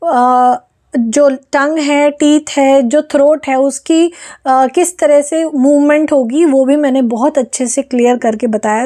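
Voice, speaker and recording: A woman teaching an online phonics lesson, slowly sounding out letters and blends. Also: sits high, darkish tone. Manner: slow, deliberate sounding out of letters.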